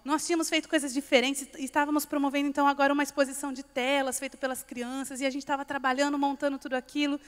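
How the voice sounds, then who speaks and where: A woman's voice: sits high, flat delivery, very fast, few pauses. A woman from Brazil giving a testimony sermon at a church conference, telling stories and acting out both sides of the dialogues. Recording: long hall reverb.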